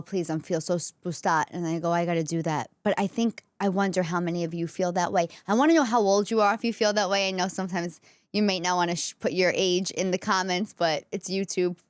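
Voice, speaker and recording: A woman in her 40s hosts a podcast from an indoor studio, talking casually and candidly straight to her listeners in a conversational solo chat. Her voice is fairly low, and the recording is dry and of studio quality.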